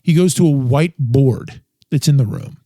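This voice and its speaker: A middle-aged man hosting a podcast, telling a personal story in a quiet, tired, rambling way with many restarts. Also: mid-range voice, animated, moderate pace, dry recording, clean studio sound. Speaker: podcast host.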